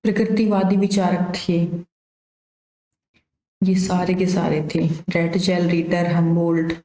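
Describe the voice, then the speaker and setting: A woman teacher walks through revision questions in a low, flat voice. Her tone is mellow and unhurried, and she explains casually with memory tricks. The room gives her voice a noticeable echo. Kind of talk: exam revision lesson.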